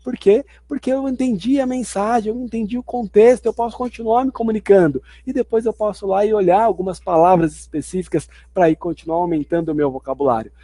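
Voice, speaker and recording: A man's voice: high voice, fairly quick, few pauses, warm tone, no echo. A man teaching a video lesson in an explanatory way, restating each point twice. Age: adult. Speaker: language teacher.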